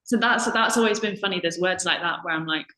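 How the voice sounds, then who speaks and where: A woman's voice: lowish voice, quick pace, bright, forceful tone. A woman chatting casually as a guest, full of ums, acting out her own past remarks. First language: English. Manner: chatty, lots of ums and self-quoting. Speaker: guest speaker. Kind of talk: casual conversation. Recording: roomy echo.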